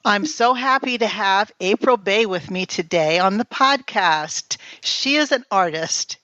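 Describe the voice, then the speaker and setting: A woman's voice: mid-range voice, expressive, unhurried, bright, forceful tone, no room sound, muffled recording. A woman hosting a podcast, reading an earnest intro and then asking an artist about her work. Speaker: podcast host.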